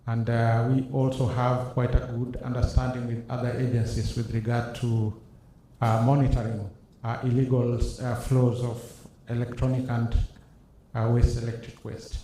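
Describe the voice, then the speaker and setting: Man presenter, monotone, mellow dark tone, hesitant, very echoey hall. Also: mid-range voice, moderate pace, slight background noise. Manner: hesitant, many fillers. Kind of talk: conference presentation.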